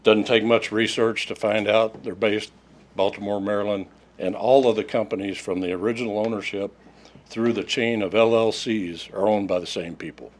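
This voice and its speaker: A man's voice: on the low side, steady tone, moderate pace. A man with an Oklahoma accent reading a prepared public comment to a council as a resident. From Oklahoma, United States. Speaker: resident speaking at a public hearing.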